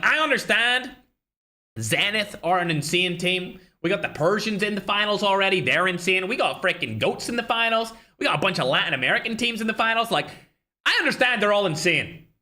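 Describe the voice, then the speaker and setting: A young man talks through a live tournament stream in a lively, animated way, his voice bright and forceful. He chats casually, thanking viewers and weighing up the teams between games. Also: high voice. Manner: casual, chatty, shouts out viewers. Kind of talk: live-stream commentary and chat.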